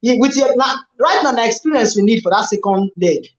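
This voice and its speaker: A man's voice: extremely high pitch, animated, brisk. A man with a Nigerian accent talks through a football match as a guest pundit, hammering his points home by saying them twice. His voice sits in a roomy, echoing space, and the recording sounds dull and muffled. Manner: emphatic, repeats phrases for stress. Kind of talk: casual match analysis and mock commentary.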